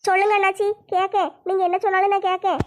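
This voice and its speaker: A high, rapid voice of a poor village mother, as a woman acts her out, begging the village head for mercy. Her pitch stays narrow and level, and the words tumble out quickly. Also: little pitch movement, slight background noise. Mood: pleading. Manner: pleading, apologetic, speaks fast and high. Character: tearful poor village mother, pleading and meek. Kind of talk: family comedy skit.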